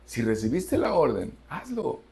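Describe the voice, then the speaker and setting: A man's voice: a little high, very animated, unhurried, mellow, slightly rough. A man from Cuba, a pastor preaching a sermon to his congregation and stressing points through repetition. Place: church service.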